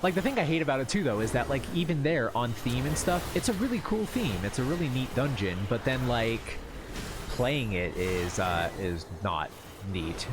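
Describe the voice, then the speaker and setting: A man's voice: medium pitch, lively intonation, moderate pace, noisy background. A man chatting casually on a live stream while playing, rambling with lots of "like" and the odd swear word. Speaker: streamer playing an online game. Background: game music.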